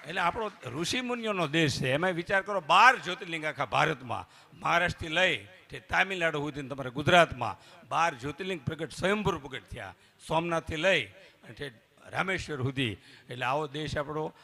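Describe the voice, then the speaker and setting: A man doing live folk comedy, telling jokes and anecdotes on stage and swinging between loud bursts and hushed asides. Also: a little high, lively intonation, a little fast, creaky. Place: live stage before a temple audience.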